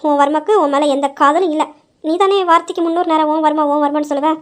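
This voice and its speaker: A woman's voice: high-pitched, fairly even intonation, fast talker. A young woman in a dramatized story who presses her point insistently and persuasively. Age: young adult.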